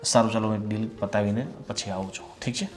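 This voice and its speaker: A man's voice: fairly low pitch, steady tone, fast, faint music behind, close to an everyday voice. An actor playing a deceitful husband who coaxes his wife and insists he has reformed, in a family film drama. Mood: coaxing. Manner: persuasive, coaxing.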